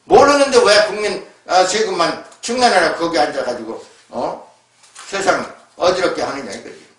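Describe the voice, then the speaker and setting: A man's voice: high-pitched, animated, normal speed, fairly bright tone. A man giving an emphatic, scolding lecture, often tagging rhetorical questions onto his points. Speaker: lecturer on word origins. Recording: echoey room, voice far from mic.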